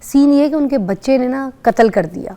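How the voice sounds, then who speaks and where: A woman's voice: sits high, expressive, mellow. A woman from Pakistan hosting a TV morning show, chatting in a conversational style and telling anecdotes with frequent interjections. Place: TV studio.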